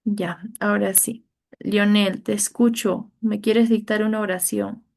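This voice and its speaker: Patient teacher, a woman, slow and gravelly, calling on students in an online class. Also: medium pitch, level tone, darkish tone. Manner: patient, coaxing students by name.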